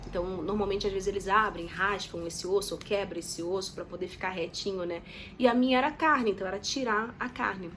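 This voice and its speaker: A woman's voice: medium pitch, brisk, fairly bright tone, slight background noise. A young woman, telling a story to her viewers in a chatty, dramatic way. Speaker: vlogger. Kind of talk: casual storytelling to camera.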